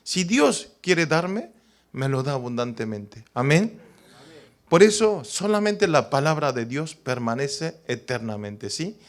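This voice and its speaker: Korean-native male pastor preaching a sermon; high-pitched, emphatic, constantly checking in with listeners. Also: very animated, slow pace. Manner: emphatic, keeps asking the congregation "right?".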